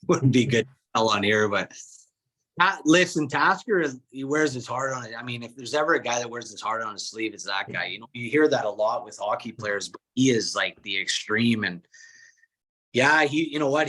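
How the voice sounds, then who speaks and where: A man, a former hockey player and coach, chatting casually on a podcast and telling stories with relaxed restarts. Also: mid-range voice, moderate pace. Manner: relaxed storytelling with frequent restarts.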